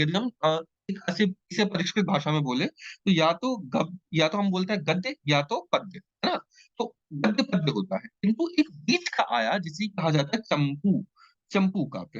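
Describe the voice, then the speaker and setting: The recording is dry, dull and lo-fi. A high-voiced man teaches an online exam-prep lecture playfully and with energy, regularly checking in with the students.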